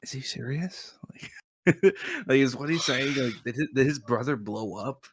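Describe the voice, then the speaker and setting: A man's voice: mid-range voice, moderate pace, slight background noise. A young man co-hosting a podcast in casual chat, rambling with lots of "like" and laughing. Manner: rambling, full of "like", laughs a lot. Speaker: podcast co-host.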